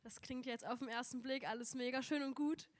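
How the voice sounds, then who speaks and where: A woman's voice: high voice, fairly even intonation, fairly quick. A woman preaching a sermon earnestly, posing questions to the listener and reading a psalm aloud.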